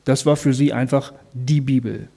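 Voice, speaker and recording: Mellow-voiced man giving a faith talk. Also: medium pitch, normal speed, vocal fry, slightly rough. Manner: explains calmly, speaks directly to the listener; asks rhetorical questions.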